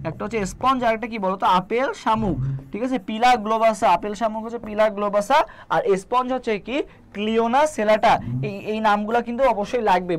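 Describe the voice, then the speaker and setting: A biology tutor with a Bangladeshi Bengali accent runs a live online lesson. The tutor fires off short questions and answers them right away, drilling terms over and over. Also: medium pitch. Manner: quizzing, asks and answers own questions; reads viewer names from comments. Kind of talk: live online class teaching.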